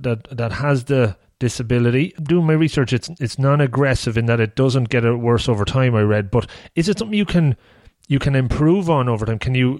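A man's voice: mid-range voice, a little mellow, no room sound, clean studio sound. A man hosting a conversational interview, feeling his way through questions with hesitant, searching phrasing. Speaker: podcast interviewer, host.

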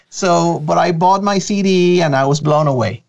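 The guest in this casual interview is a man from Venezuela, creative director at an animation studio, with a fairly high, gravelly voice. He speaks eagerly, with plenty of fillers and restarts.

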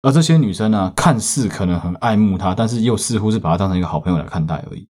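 A man with a Taiwanese Mandarin accent, telling a story casually on a podcast and swearing in sudden loud outbursts. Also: on the low side, lively intonation, rapid-fire. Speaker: podcast host.

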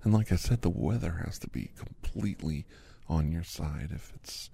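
A man's voice: low-pitched, normal speed, creaky, mellow, a little hiss or hum. A man doing a whispered role-play as a chatty doctor in his fifties who gives a massage, rambling easily in a half-whispered voice. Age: 50s. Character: chatty fifty-something male doctor giving a massage. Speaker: ASMR host.

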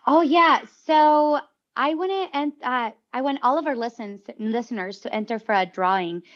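A woman whose first language is Spanish talks as a podcast guest. She is loud and animated, with a slightly high voice. The recording sounds dull and lo-fi. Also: moderate pace. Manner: loud and animated by her own account. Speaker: podcast guest, life coach. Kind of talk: casual podcast chat.

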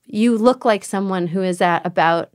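A woman telling a personal story as a podcast guest, candid and animated, acting out what others said. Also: medium pitch, moderate pace, smooth, no room sound, studio quality. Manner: candid, animated retelling with quoted voices.

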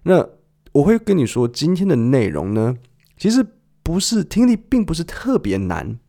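A man's voice: fairly high pitch, huge pitch swings, moderate pace, creaky, mellow. A man hosting a podcast listening lesson, patiently explaining and asking the listener questions in a conversational way. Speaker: podcast host and English listening teacher.

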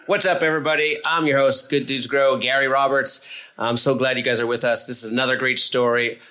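A man hosts a relaxed podcast interview, his voice bright and forward. He talks loosely, often restarting sentences and dropping in fillers as he introduces his guest. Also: medium pitch, brisk. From Canada. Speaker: podcast host. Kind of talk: casual interview chat.

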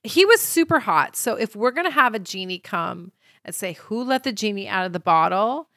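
A woman's voice: mid-range voice, lively intonation, normal speed, sharp tone, no echo, clean studio sound. A middle-aged woman co-hosting a casual podcast chat, playful, laughing often and swearing casually. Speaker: co-host.

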